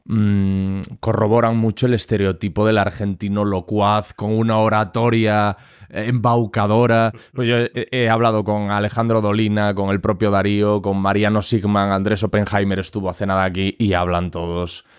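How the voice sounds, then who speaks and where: A man hosting an interview podcast, measured and thinking aloud with small fillers. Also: fairly low pitch, level tone, clean tone, no echo, studio quality. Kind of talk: conversational interview.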